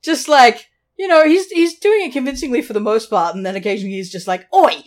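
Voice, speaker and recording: A woman co-hosting a casual film review podcast, animated and sweary, laughing often. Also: a little high, fast. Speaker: podcast co-host.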